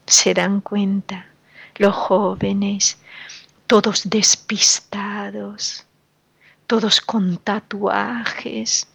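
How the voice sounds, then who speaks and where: A woman's voice: medium pitch, level tone, very slow, gravelly, a bit bright, slightly rough, no room sound. A woman giving a radio sermon to listeners, emphatic and admonishing, repeating words and asking rhetorical questions in a sorrowful tone. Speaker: religious radio speaker.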